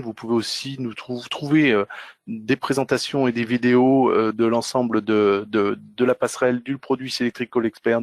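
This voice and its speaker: A man hosts a company webinar in a dry, close-miked voice of middling pitch. He speaks haltingly, with many "euh"s and restarts, and sounds like he is on a computer mic during a web call. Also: dry recording. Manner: hesitant, many fillers and restarts. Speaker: webinar host. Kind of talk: corporate webinar wrap-up. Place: home or office during lockdown.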